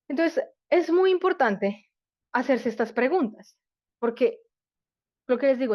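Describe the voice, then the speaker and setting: A woman with a highish voice leads a live online parenting workshop, walking through ideas step by step. She keeps checking in with rhetorical questions and uses lots of fillers. The sound is dull, dry and lo-fi.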